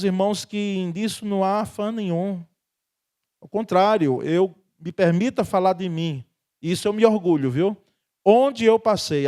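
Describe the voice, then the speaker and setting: A man's voice: high-pitched, darkish tone. A Brazilian man preaching a sermon as pastor of a church, speaking conversationally, chuckling often and tagging his sentences with questions to the congregation. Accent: Brazilian Portuguese.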